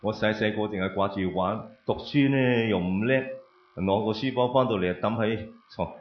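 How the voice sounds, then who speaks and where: An older man, a pastor, preaching an animated sermon, firing off rhetorical questions and answering them with loud exclamations. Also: fairly low pitch, normal speed. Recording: roomy, dull lo-fi recording.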